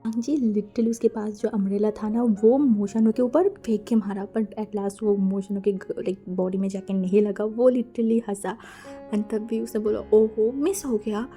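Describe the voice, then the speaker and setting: A woman casually narrating a fan fiction story, chatty and lively, slipping English words into her talk. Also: medium pitch, moderate pace, faint music behind. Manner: chatty, mixes English words into Hindi, lively voices for characters.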